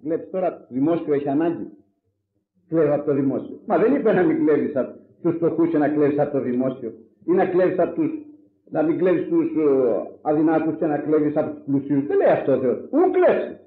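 A man preaching a sermon in an animated, rhetorical way, swinging from loud exclamations to low asides. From Greece. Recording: echoey, phone-like lo-fi recording.

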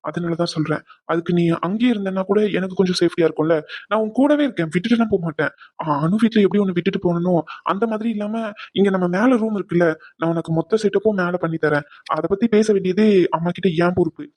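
A man voicing an apologetic young husband in a cartoon drama, talking gently and coaxing. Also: high-pitched, fast talker, no echo. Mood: pleading.

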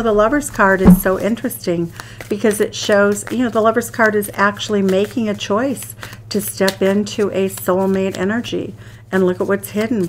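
A woman's voice: medium pitch, a little hiss or hum, low-quality recording. An Irish woman reading tarot cards to camera, enthusiastic and exclaiming over each card as she turns it. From Ireland. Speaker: tarot reader. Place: indoors at a card table. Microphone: hands only seen, overhead camera on table.

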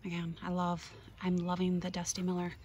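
This Minnesota woman, a gardening vlogger, tours her outdoor container garden on a handheld phone, enthusiastic and chatty as she points things out. Her voice is low-ish, darkish, monotone, and a bit fast, with a little hiss or hum in the recording.

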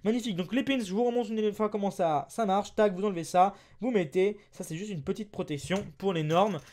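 A man with a French accent chatting excitedly to his viewers while opening trading card packs. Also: sits high, brisk. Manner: excitable, chatty, exclaims over cards. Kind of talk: casual unboxing chat.

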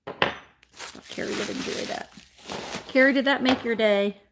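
A woman, chatting bubbly and fast to live viewers from a small room at home. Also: on the high side, background noise. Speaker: vintage reseller host. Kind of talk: casual live-stream chat.

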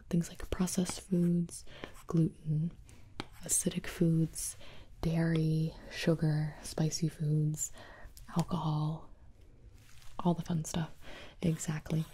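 A young woman performs a whispered role-play as a gentle, attentive doctor. Her soft, breathy whisper is very slow and mellow, calm and reassuring. It is recorded close, with a faint noise underneath. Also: fairly low pitch. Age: young adult. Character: calm, attentive female doctor examining a patient. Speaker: ASMR performer playing a doctor.

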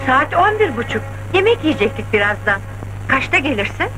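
A woman's voice: high voice, sing-song, moderate pace. An actress playing a lonely, pleading young woman in a 1970s film drama. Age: young adult. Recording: noisy humming old film soundtrack.

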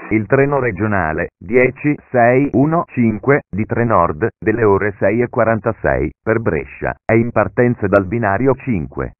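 This is a man's automated train station announcement, delivered in calm, segmented phrases that sound pieced together, with sudden pitch jumps between chunks. The voice sits fairly low. It comes through a narrow, phone-like public address channel with no room sound around it. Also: a little slow, pauses often, no echo. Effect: announcement heard as a recorded station PA message. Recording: narrow, phone-like, dry PA audio.

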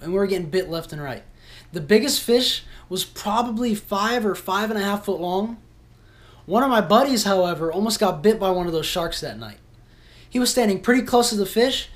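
A young man greeting viewers of his fishing channel, talking upbeat and direct to a camera held at arm's length in his room. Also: sits high. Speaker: fishing vlogger. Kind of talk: casual vlog intro. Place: bedroom, indoors.

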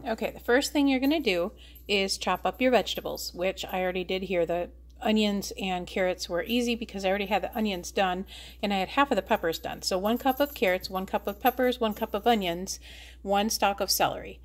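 A woman's voice: medium pitch, brisk. Chatty woman cooking in her kitchen. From United States. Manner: chatty, talks while working in the kitchen. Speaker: cooking video host. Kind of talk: casual cooking demonstration. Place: home kitchen. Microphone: camera on a tripod. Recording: noisy home kitchen recording.

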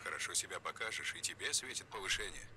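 Curt military commander over a radio, fairly low voice, game audio, heavy noise. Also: male voice, expressive, quick pace, pushed and bright, exaggerated voice.

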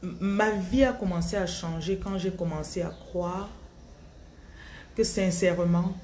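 A woman in her thirties from Cameroon with a Cameroonian French accent, giving a slow, thoughtful spiritual talk to her followers into a phone in a small tiled room. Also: lowish voice, a little mellow, a little hiss or hum. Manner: slow and thoughtful, with frequent restarts. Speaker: spiritual coach. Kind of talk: reflective spiritual monologue to followers. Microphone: phone held close at arm's length.

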